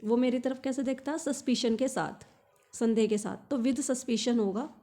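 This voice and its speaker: An Indian woman teaching for an exam, reading English lines slowly and explaining them quickly in Hindi. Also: on the high side, mellow. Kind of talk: exam-prep lesson.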